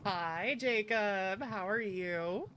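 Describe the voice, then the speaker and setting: A playful, chatty VTuber talks casually with viewers during a livestream while playing a game, sometimes reading the game's dialogue aloud. Her mid-range voice is pushed and bright and extremely slow. Game music plays behind her, and there's a slight hiss or hum.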